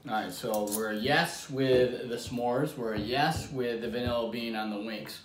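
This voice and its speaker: A man's voice: medium pitch, measured pace. A man co-hosting a casual taste-test vlog, rambling and restarting his sentences, sometimes talking with his mouth full. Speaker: vlog co-host. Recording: echoey room with faint noise.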